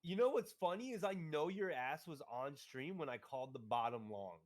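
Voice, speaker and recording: A man chatting on a live trading stream, hyped and swearing freely. His pitch leaps up and down with his energy, often spiking into loud exclamations. He talks in a loose, casual way. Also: expressive, moderate pace. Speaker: crypto trader on a live stream.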